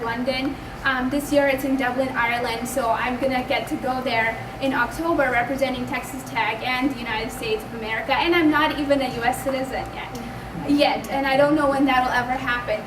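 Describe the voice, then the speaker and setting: A young woman in her twenties from Pakistan, giving an earnest, conversational personal testimony at a community event and speaking up loudly. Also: sits high. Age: 20s. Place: community hall. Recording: echoey room, distant mic, background noise.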